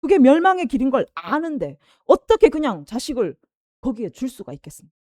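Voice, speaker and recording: A woman's voice: high voice, sing-song, fairly quick, dark tone, no echo, studio quality. A woman pastor preaching a midweek sermon, acting out the voices of the people she quotes. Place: church.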